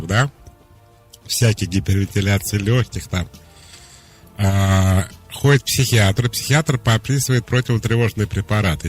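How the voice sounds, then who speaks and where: A man hosts a radio advice show as a psychologist, his voice sitting low as he explains things calmly and plainly. He gives direct instructions to callers. Faint music plays behind him.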